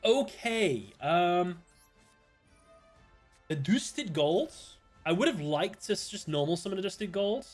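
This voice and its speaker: A British man chatting casually while streaming a card game, thinking aloud, greeting viewers and breaking into sudden excited outbursts. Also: high-pitched, slow, soft background music. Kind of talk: casual live-stream gameplay commentary.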